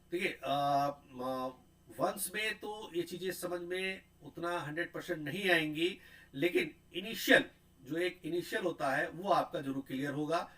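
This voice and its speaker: A man giving a pronunciation lecture, repeating sounds and words slowly and often checking in with a tag question. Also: fairly high pitch, fairly bright tone, low-quality recording.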